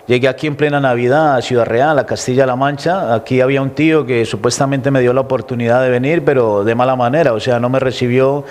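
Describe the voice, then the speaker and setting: A man's voice: medium pitch, fairly even intonation, fast, hardly any pauses. A man from Colombia with a Colombian accent, a guest giving an emotional, reflective personal testimony in an interview. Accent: Colombian Spanish. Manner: emotional, reflective storytelling with many restarts.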